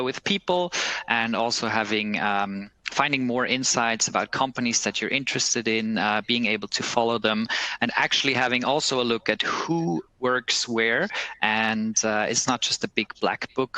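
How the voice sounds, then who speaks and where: A man's voice: lowish voice, bright, forceful tone, dry recording, poor audio. A man in his thirties from Bern, a recruiter presenting a webcast, friendly but hesitant. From Bern, Switzerland. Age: 30s. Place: office.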